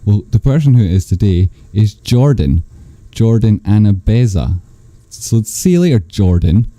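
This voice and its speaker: A Scottish man hosts a live stream from a desk microphone, reading chat comments aloud and adding dry, teasing, rambling asides. His bassy voice has a dark tone and a sing-song lilt at normal speed, with no echo in the recording.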